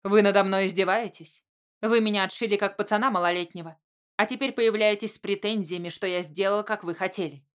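A woman's voice: mid-range voice, steady tone, a little fast, natural voice. A woman voicing Zhenya, a blunt, angry adult man who argues defensively.

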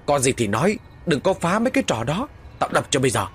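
A man doing a hot-tempered shouting father. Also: on the high side, sing-song, fast, slight background noise, pitched above the performer's own voice. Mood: angry. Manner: stern shouting. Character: angry village father scolding, hot-tempered.

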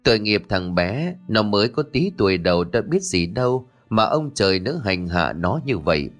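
A softhearted young man murmurs his pity under his breath, as a storyteller voices him. He speaks low and hushed. Gentle music sits faintly behind him. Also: sing-song, moderate pace. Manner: murmuring, pitying.

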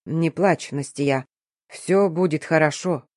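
A brooding, powerful man growls short, clipped orders in a low, dry voice, as a woman narrator puts him on. He sounds menacing and controlled, each word pressed down and deliberate. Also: a little mellow, no echo. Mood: hushed.

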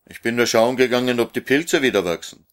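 A man voicing a gentle, friendly girl in a storybook reading, speaking reasonably. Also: medium pitch, brisk, pitched above the performer's own voice, close to an everyday voice.

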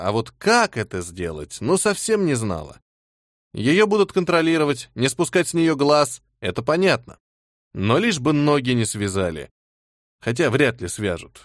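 Man, audiobook narrator, scripted narration, even storytelling, middle pitch, dry close sound. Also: dry recording.

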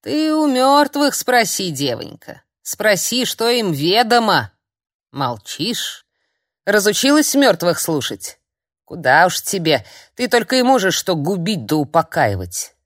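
A cantankerous old crone, as a woman reader puts her on, pitched well above her usual low voice, loud and shrill. Her jeering swoops around in pitch and often stretches words out slowly. Dry close recording, storybook reading. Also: big pitch swings, dry recording. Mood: scornful. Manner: shrill, scolding, drawn-out jeers. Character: cantankerous old female hag, half-blind, scolding.

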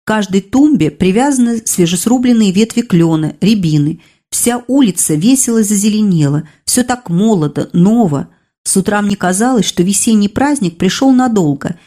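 A woman reading an audiobook as narrator, measured and expressive. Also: mid-range voice. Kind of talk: scripted narration.

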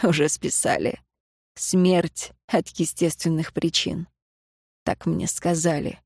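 Женщина изображает озлобленного юношу, тихо и холодно. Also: female voice, lowish voice, unhurried, no room sound, studio quality, lightly acted. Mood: bitter quiet. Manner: quiet, cold, contemptuous. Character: embittered young man, grieving and vengeful.

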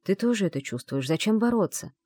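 A woman reading an audiobook, voicing a calm young man who speaks quietly and insistently. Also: medium pitch, a little fast, slightly rough, dry recording, pitched above the performer's own voice. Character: calm persuasive young male lord.

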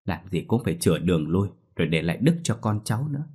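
A man doing a nagging older wife in a told ghost story, scolding her husband in a rapid, lecturing tone. The voice stays low and husky. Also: very animated, a little mellow, full character voice. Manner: quick, scolding.

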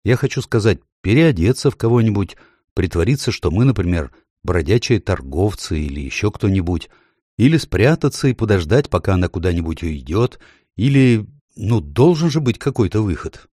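A man's voice: on the low side, sing-song, normal speed, dark tone, slightly rough, no echo, studio quality. A man voicing an eager, brave boy in an audiobook, speaking urgently and persuasively. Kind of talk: audiobook character voice.

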